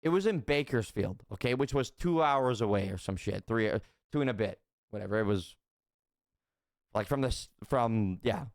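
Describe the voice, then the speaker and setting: A man's voice: lowish voice, animated, normal speed, dry recording, studio quality. A young man casually telling stories, swearing often, repeating his phrases and laughing as he talks. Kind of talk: casual storytelling chat.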